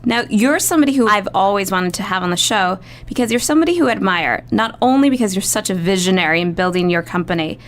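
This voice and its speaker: A woman's voice: mid-range voice, lively intonation, fast talker, few pauses. A woman hosting an interview podcast, reading an upbeat scripted intro and then chatting with her guest. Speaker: podcast host.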